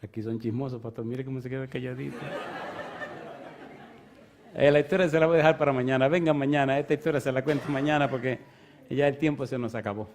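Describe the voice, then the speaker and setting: A middle-aged male pastor who tells a personal story in his sermon in a lively, conversational way and teases the congregation. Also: mid-range voice, fast talker, pauses often.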